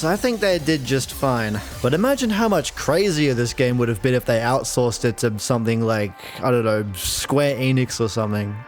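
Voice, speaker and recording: Slangy young man reviewing games. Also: medium pitch. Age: young adult. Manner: slangy, profane, dryly joking. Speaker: video game reviewer. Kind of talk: scripted, casual video review narration. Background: faint music.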